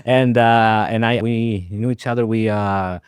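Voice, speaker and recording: A Guatemalan doctor, an allergist who speaks English as a second language after Spanish, tells his career story as a guest in a conversational interview, using many fillers and restarts. His voice is lowish, steady, unhurried and clean, recorded in a clean studio with no echo.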